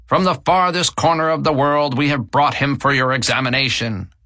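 A man narrating voices a carnival sideshow barker, with showy, booming sales patter that sounds tinny, as through a megaphone. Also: steady tone, normal speed, pushed and bright, dry recording. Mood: dramatic.

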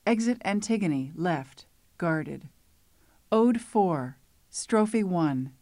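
A woman's voice: lowish voice, animated, very slow, darkish tone, no room sound, studio quality. A woman reading stage directions for a play as brief scripted narration.

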